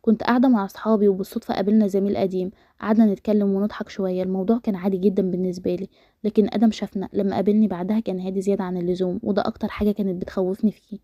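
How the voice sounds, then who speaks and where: A woman with an Egyptian accent reading a romance story aloud in a brisk, steady first-person narration. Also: mid-range voice, dry recording, muffled recording. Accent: Egyptian Arabic.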